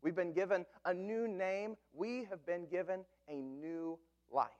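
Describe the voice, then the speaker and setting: A man in his thirties, a pastor, preaching an earnest sermon with slow, emphatic phrases. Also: high-pitched, a little mellow, dull audio.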